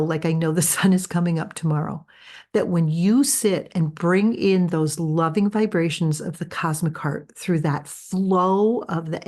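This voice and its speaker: A woman hosting a spiritual healing podcast, speaking in a soft, earnest, reassuring way with frequent restarts and tag questions. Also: lowish voice. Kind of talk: gentle guided spiritual talk.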